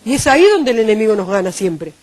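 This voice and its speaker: A woman with a Uruguayan Spanish accent preaching a sermon, animated and acting out the voices she quotes. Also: medium pitch, quick pace, no echo.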